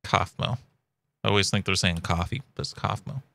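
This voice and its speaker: A man's voice: low-pitched, fairly even intonation, rapid-fire, vocal fry, loud music behind the voice. A man giving casual, chatty commentary as a video host, recorded up close at home.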